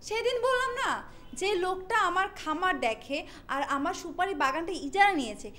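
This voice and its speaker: A woman's voice: very high-pitched, big pitch swings, brisk, bright, forceful tone, heavily acted. An actress playing a proud, dreamy young woman tenant who answers her landlady in proper, defensive speech. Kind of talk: TV drama acting.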